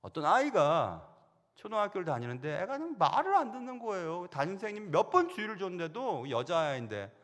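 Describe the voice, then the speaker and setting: Lively pastor in a reverberant sanctuary. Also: male voice, high-pitched. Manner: animated storytelling, acting out quoted voices. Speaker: senior pastor. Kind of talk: sermon. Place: church sanctuary. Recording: long hall reverb.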